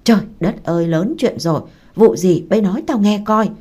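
A woman voicing a gruff, fatherly older village uncle who gives orders, with a Southern Vietnamese accent. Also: mid-range voice, normal speed, mellow, natural voice. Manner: gruff, commanding.

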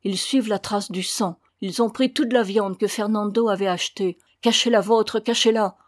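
A breathless village woman pleading in a rush, pitched higher and louder, as a woman narrator puts her on. Her warnings come out urgent and strained. The sound is dry and close. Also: moderate pace, no echo, close to an everyday voice. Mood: panicked.

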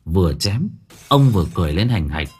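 A man narrates a story with a husky, slightly rough voice. His pitch swings widely as he tells it, and his delivery is expressive and lively. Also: brisk. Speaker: audiobook narrator.

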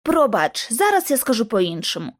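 A woman's voice: fairly high pitch, big pitch swings, normal speed. A woman voicing a sardonic young agent. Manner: sarcastic. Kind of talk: audiobook narration.

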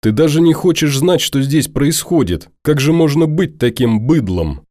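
A stubborn, hot-tempered young woman who keeps pleading and scolding, read by a man who lifts his low, mellow voice. She pushes hard and keeps pressing. It is a voice from a spoken storybook, close and dry. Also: animated, moderate pace, dry recording, natural voice. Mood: angry.

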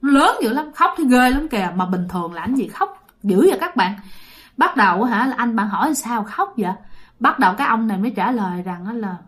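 Woman storyteller, high, animated, chatty ghost-story narration. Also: quick pace. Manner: chatty, addresses listeners directly.

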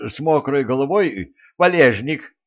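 A man voicing a nervous male merchant with a thin, high voice who blurts out flustered guesses. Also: expressive, measured pace, natural voice. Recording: dull lo-fi recording.

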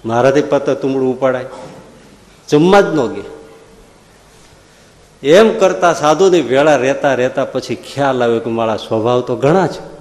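Monk preaching in an echoing hall. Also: male voice, medium pitch, fairly quick. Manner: folksy storyteller, rising to animated exclamations. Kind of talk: storytelling sermon. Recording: echoey long hall reverb.

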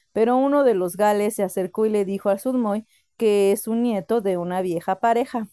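A woman reading a story aloud on community radio in an even, plain storytelling manner. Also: medium pitch, smooth, no echo, clean studio sound. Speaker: radio reader.

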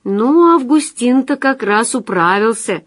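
A woman's voice: mid-range voice, expressive, a little slow, dry recording. A teasing young woman with a playful, self-mocking way of talking, as a female audiobook reader puts her on. The voice sits in a middle register and sounds close and dry, with no room around it.

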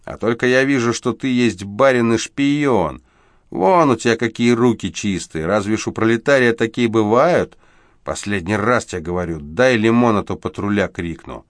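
A man voicing a cheeky, sly homeless boy with a thin, husky voice, in an audiobook. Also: fairly low pitch, moderate pace, no room sound, clean studio sound, voice pushed up, natural voice. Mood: threatening. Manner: whines and pleads when caught.

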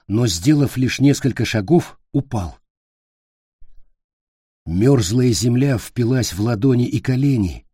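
A man narrating an audiobook at an unhurried, measured pace, his pitch rising and falling expressively. His voice is dark and mellow with a husky grain, recorded close and dry. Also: no echo. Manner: measured storytelling. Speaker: audiobook reader. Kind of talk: scripted narration.

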